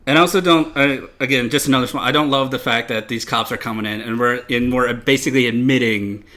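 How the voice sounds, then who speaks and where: A man's voice: medium pitch, fast, bright, forceful tone. A man co-hosting a casual comedy podcast, skeptically picking apart his partner's ideas. He talks in a mid-range voice, stopping and restarting his sentences as he probes. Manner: skeptical, questioning, hesitant restarts. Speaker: podcast co-host.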